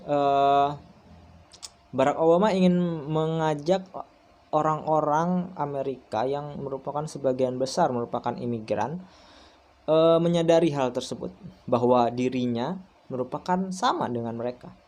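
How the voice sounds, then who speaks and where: Hesitant young man with a mellow voice. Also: medium pitch. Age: 20s. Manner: hesitant, frequent "eh" fillers and restarts. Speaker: university student. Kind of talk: recorded class presentation.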